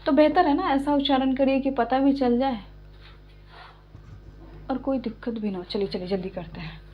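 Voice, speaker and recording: A woman teaching an English lesson, explaining slowly and patiently and often checking that her students follow. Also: sits high. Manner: patient, repeats and checks understanding. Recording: dull lo-fi sound.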